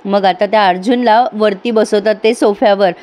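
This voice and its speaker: A woman's voice: mid-range voice, fairly even intonation, normal speed, a little mellow. A woman retelling a TV serial episode to her viewers in a chatty, storytelling way. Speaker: TV serial reviewer.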